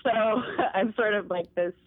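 A woman's voice: mid-range voice, slow pace. A woman talking over a phone line on speakerphone, chatty and giggly, with lots of "like" fillers, as a guest in a casual phone interview.

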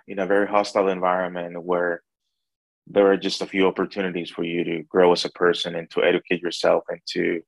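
A Salvadoran restaurant owner with a Salvadoran accent speaks conversationally as an interview guest, frequently repeating words while he hunts for the right phrasing. His voice sits low and creaky, and the recording is dry and rough.

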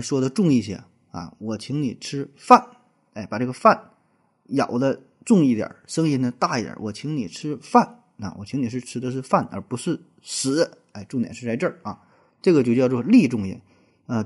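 A man's voice: medium pitch, darkish tone, slightly rough. A man giving a chatty, folksy explanation, tacking little particles onto his phrases. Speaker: presenter explaining languages. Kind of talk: casual explanatory monologue.

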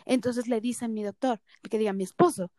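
A woman's voice: a little high, steady tone, a little fast, a little mellow, no room sound, clean studio sound. A woman in her thirties co-hosting a podcast, telling her story in casual chat and acting out the quoted dialogue with animation. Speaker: podcast co-host.

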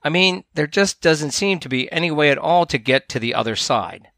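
A man reading a curious, gentle moth. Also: on the high side, lively intonation, moderate pace, dry recording, clean studio sound, pitched above the performer's own voice. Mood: puzzled. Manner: gentle, questioning. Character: curious, polite young moth.

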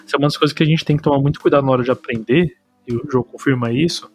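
A man's voice: medium pitch, rapid-fire, darkish tone, soft background music. A man with a Brazilian accent hosting a casual podcast chat, talking in a loose, slangy way. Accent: Brazilian Portuguese. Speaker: podcast host.

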